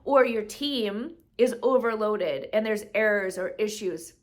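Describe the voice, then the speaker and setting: A woman's voice: mid-range voice, measured pace. A woman hosting a solo business podcast, talking conversationally and checking in with rhetorical questions like "right?", now and then acting out customers' voices in quoted asides. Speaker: podcast host, business coach.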